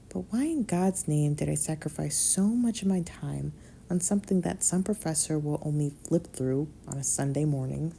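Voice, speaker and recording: Low, gravelly woman reading a novella. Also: mellow, a little hiss or hum. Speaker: audiobook reader. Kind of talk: reading a novella aloud, acting out both sides of a dialogue.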